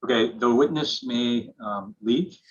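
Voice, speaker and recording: A man acting as hearings officer, calling on counsel and swearing in a witness in a halting way with many fillers, heard through a dull lo-fi hearing recording. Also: mid-range voice. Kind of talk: formal proceeding moderation. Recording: dull lo-fi remote hearing audio.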